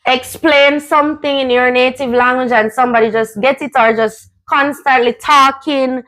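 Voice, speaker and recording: A woman from Jamaica hosts a casual conversation in a Jamaican accent. She talks in a relaxed, chatty way and fills pauses with ums. Her voice sits a little high. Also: rough recording. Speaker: host.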